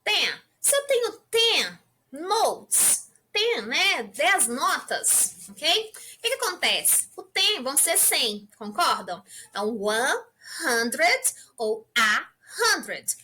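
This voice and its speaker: A woman's voice: high-pitched, big pitch swings, slow pace, pushed and bright, a little hiss or hum. A woman from Brazil teaching an English lesson to beginners, patiently checking in with her students all the time. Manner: patient, checks in with the class constantly.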